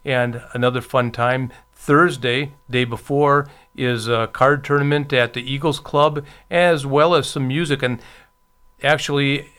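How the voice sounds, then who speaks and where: A man who volunteers for a festival, guest in a casual interview, talking chattily with many filler pauses. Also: medium pitch, steady tone, fairly bright tone, smooth. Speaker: festival committee member, guest.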